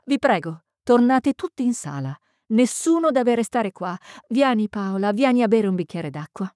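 A woman's voice: a little high, sing-song, normal speed, a little mellow, dry recording, clean studio sound. Woman doing an anxious library director. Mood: urgent.

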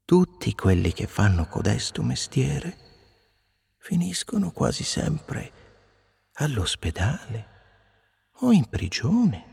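The Talking Cricket, slow and grave, as a man puts it on. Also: fairly high pitch, creaky, husky, in a large hall, full character voice. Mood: calm. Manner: slow, calm, grave and preachy. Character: patient, wise old cricket, over a hundred years old. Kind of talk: storybook reading.

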